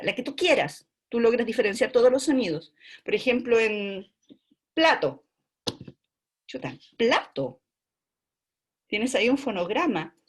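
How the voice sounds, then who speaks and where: A woman with a Chilean accent giving an online class to trainee teachers over a video call, explaining step by step and checking in with quick rhetorical questions. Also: mid-range voice, breathy edge. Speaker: university lecturer for trainee teachers.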